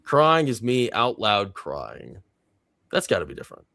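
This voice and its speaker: A man's voice: on the low side, wildly swooping pitch, a little slow, vocal fry, sharp tone, no echo. A man hosting a casual live movie reaction stream. He reads viewer comments aloud and rambles with plenty of fillers. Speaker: host of a movie reaction panel.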